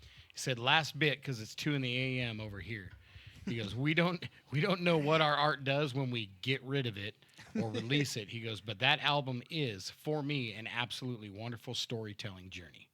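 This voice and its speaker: Bright-voiced casual podcast host. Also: male voice, mid-range voice. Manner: loose, laughing, profane, halting with fillers. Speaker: podcast host and band member. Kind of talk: casual chat and reading a fan letter aloud. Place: home-built recording studio. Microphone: studio mic with headphones.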